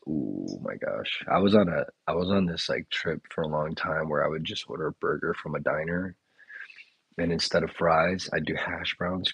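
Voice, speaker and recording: A man's voice: rumbling low, gravelly, fairly bright tone, breathy edge, no room sound, highs cut off. A man hosting a casual live chat, reading viewer comments aloud and riffing on them in a laid-back way. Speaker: chef and restaurant owner hosting a live chat. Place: indoors, talking to a live chat.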